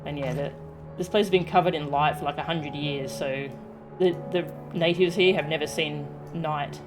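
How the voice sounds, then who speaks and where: Chatting loosely with her livestream audience, this woman gamer has a low voice with fairly even intonation and a normal pace. Video game music runs in the background.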